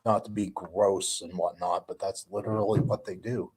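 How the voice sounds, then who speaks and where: A man's voice: deep voice, steady tone, normal speed, darkish tone, husky. A man hosting a casual live chat, telling rambling stories with lots of groans and fillers.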